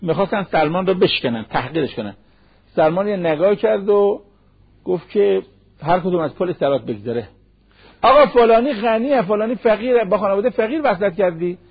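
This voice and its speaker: A man preaching a sermon, quoting Arabic verses and hadith in a slow recitation and asking rhetorical questions. He acts out the voices of people he imagines. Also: sits high, expressive, breathy edge. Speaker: cleric. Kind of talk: sermon on marriage. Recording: dull lo-fi radio broadcast.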